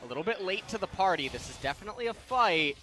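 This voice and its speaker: A man's voice: high voice, expressive, fast, music in the background. A man giving analytical color commentary on an esports match, breaking down fights and replays. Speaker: esports caster.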